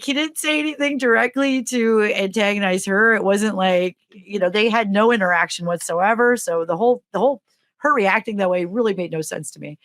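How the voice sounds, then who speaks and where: A woman's voice: no room sound, studio quality. A middle-aged woman co-hosting a podcast, telling a comic story in casual chat and acting out the quotes with big jumps in her voice. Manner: animated, acts out quotes with big pitch jumps. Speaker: podcast co-host and teacher.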